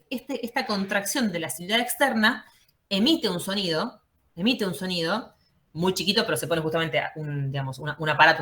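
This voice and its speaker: Bright-voiced woman teaching an online class. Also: fairly low pitch. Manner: explanatory, checks in with frequent "¿sí?". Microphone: video call.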